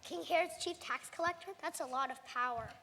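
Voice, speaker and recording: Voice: high-pitched, fairly quick, sharp tone, slight background noise. A performer voicing an eager sidekick herald in a cartoon, chirpy in tone.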